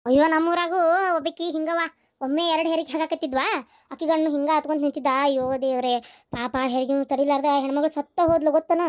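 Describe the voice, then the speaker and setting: A woman voicing a meddling, gossipy older village aunt in a cartoon, with a North Karnataka accent and a shrill, scolding way of talking. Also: steady tone, fast, dry recording, studio quality, lightly acted. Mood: gossiping. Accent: North Karnataka Kannada. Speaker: aunt at a childbirth. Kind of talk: cartoon voice acting.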